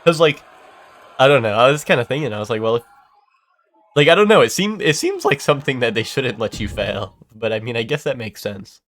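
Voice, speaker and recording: Here a young man chats while streaming a game, sounding stuffed up from a cold. His mid-range voice is animated and a bit bright, moving a little fast as he rambles with lots of fillers, restarts and casual swearing.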